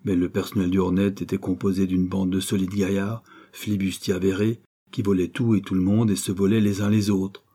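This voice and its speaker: A man reading a novel aloud as an audiobook narrator, in steady storytelling. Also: sits low, brisk, slightly rough. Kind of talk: scripted narration.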